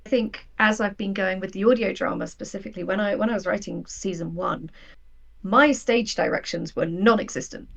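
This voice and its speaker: A woman who writes audio drama appears as a guest in a reflective interview, speaking candidly and explaining her own doubts. Her voice is brisk and gravelly at medium pitch, with a fairly bright tone.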